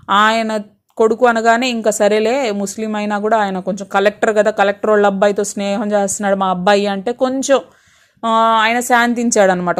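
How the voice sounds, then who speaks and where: Woman teacher going through a lesson, slightly high voice, asks her own questions then answers em. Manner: reads a passage aloud, then explains it. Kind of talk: explaining a textbook lesson.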